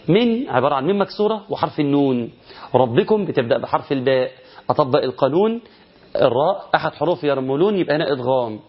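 A man's voice: medium pitch, dull audio. A man with an Egyptian Arabic accent teaching a recorded Quran recitation lesson, asking himself questions and answering them.

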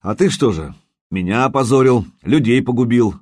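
A man voicing a stern older prince who speaks quietly, coldly and menacingly while passing judgment. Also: mid-range voice, lively intonation, normal speed, husky, no room sound, clean studio sound. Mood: reproachful.

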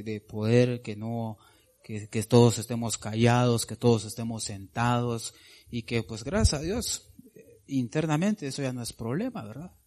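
A man preaching an evangelical sermon with passion, swinging from quiet asides to loud shouted lines and calling his listeners "brother". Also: medium pitch. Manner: addresses listeners as "hermano bendito".

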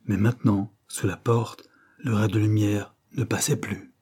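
A man reading a serial adventure novel aloud in a measured, dramatic narration. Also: on the low side, little pitch movement, warm tone, breathy edge. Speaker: audiobook reader.

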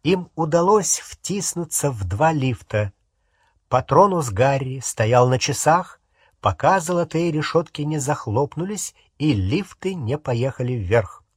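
A man narrating an audiobook in an unhurried, expressive storytelling manner. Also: fairly high pitch, breathy edge, dry recording, clean studio sound. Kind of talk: audiobook reading.

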